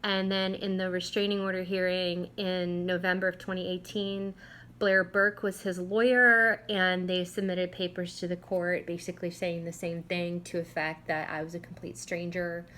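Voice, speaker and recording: Flat, lowish woman's voice over noise. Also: moderate pace. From United States. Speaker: narrator recounting own police case. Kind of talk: informal personal account, commentary on a recording. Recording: clearly noisy home-style recording.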